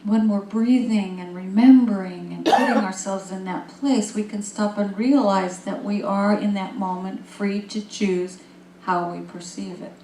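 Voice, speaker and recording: A woman minister speaks with calm, gentle guidance, her voice at a middle pitch. She moves into lively storytelling. The sound rings in an echoey room with a faint hum behind it. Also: measured pace, far from the mic. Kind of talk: sermon.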